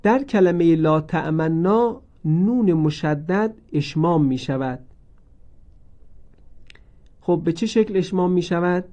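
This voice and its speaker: A man's voice: fairly high pitch, pauses often, dark tone. Methodical man teaching recitation rules. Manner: methodical, explains then repeats each example. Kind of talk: step-by-step recorded lesson.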